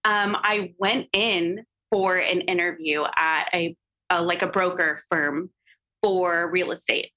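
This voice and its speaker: On a lo-fi recording, a woman guesting on a podcast shares an emotional, candid story about her photography business, peppering it with "like" and "um." Her lowish voice sounds pushed and bright, with fairly even intonation and a slow pace.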